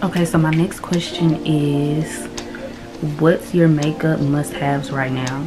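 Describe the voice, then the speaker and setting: A woman in her early twenties chatting casually to camera in a relaxed, slangy way. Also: low-pitched, slow pace, over music. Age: 20s. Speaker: vlogger. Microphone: phone camera.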